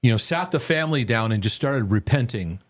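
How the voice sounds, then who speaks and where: This host of a live question-and-answer broadcast speaks fairly quickly in a mid-range voice with lively intonation. His faith-based teaching is earnest and reassuring, punctuated by frequent restarts. The audio is studio quality, with no echo.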